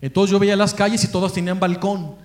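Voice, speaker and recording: A man with a Mexican accent giving a religious talk, telling a story in a lively way and acting out the people he quotes. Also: high voice, quick pace, echoey room. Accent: Mexican Spanish.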